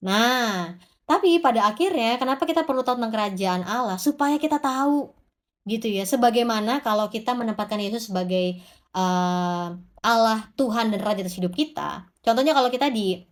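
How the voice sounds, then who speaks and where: A woman preacher delivers an informal devotional sermon, talking directly to the congregation and answering her own rhetorical questions. Her voice is medium-pitched and her delivery brisk.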